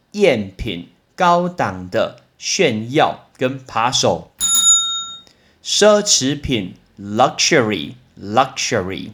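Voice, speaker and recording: A man hosts a casual English vocabulary podcast. He tells stories with lively energy and slows right down to repeat each new word for his listeners. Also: mid-range voice. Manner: lively storytelling, repeats English words slowly for drilling.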